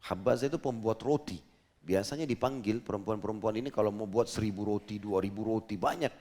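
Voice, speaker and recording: A middle-aged male preacher telling a story in a sermon, acting out the voices and swinging between loud and soft. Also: on the low side, fairly quick. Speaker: Islamic preacher.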